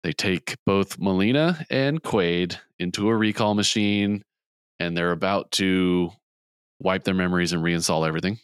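A man hosting a podcast, casually retelling a movie plot with quick voiced quotes. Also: low-pitched, clean tone, dry recording, clean studio sound. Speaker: podcast host. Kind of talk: casual movie recap chat.

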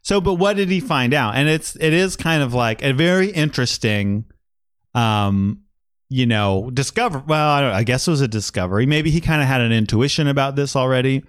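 A man's voice: mid-range voice, brisk, clear, resonant tone, no echo, clean studio sound. A man co-hosting a casual podcast, rambling with many fillers and laughing often. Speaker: podcast co-host. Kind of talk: casual chat.

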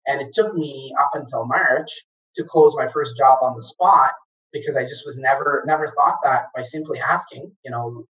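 A man's voice: mid-range voice, moderate pace, a bit bright. Reflective man on a distant, muffled line. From Egypt, grew up in Kuwait. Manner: hesitant, many fillers and restarts. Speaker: guest, former franchise operator. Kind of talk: conversational interview. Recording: distant, dull lo-fi sound.

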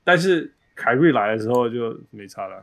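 A man hosts a casual sports conversation in a Taiwanese accent. His voice has a creaky, gravelly edge at a medium pitch. He hops between Mandarin and English within a sentence and drives points home by repeating words. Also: lively intonation, moderate pace. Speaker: podcast host.

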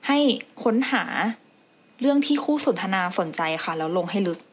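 A woman's voice: mid-range voice, expressive, moderate pace, slightly rough. Chatty woman summarizing a book. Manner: polite, chatty, with fillers and polite particles. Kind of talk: casual book summary talk.

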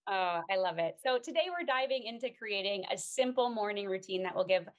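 A woman's voice: mid-range voice, expressive, fairly quick. A woman hosting a podcast, chatting casually and enthusiastically with a guest. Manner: upbeat, enthusiastic, affirming. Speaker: podcast host. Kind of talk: casual interview chat.

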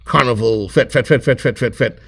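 A man's voice: mid-range voice, brisk, husky. Man hosting an interview show. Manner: lively, repeats words and restarts often as he asks questions. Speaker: show host. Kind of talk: narrated intro and interview.

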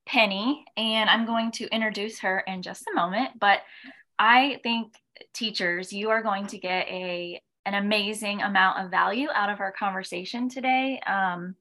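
A woman's voice: medium pitch, normal speed, pushed and bright. Upbeat woman in her thirties, podcast host, encouraging casual delivery. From American Midwest.

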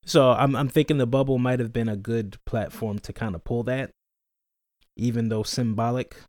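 A man co-hosting a podcast in casual chat, laid-back and thinking aloud with many pauses. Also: medium pitch, steady tone, a little mellow, no echo, studio quality. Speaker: podcast co-host.

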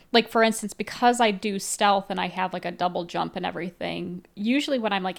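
A woman co-hosting a podcast, calmly explaining her view in casual chat with frequent fillers. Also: medium pitch, vocal fry. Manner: thoughtful, explaining with many "like"s. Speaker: podcast co-host.

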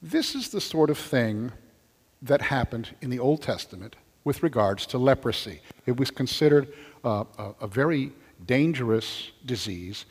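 Husky man in a long cathedral echo. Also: mid-range voice, animated, moderate pace. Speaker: deacon giving gospel reading and homily. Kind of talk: liturgical reading and conversational homily. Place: large church, over a PA.

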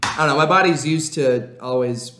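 A man's voice: on the high side, moderate pace, sharp tone, a little hiss or hum. A young American man chatting casually as a podcast co-host, in a rambling, slangy way. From Illinois, United States. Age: young adult. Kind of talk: casual chat. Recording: roomy echo.

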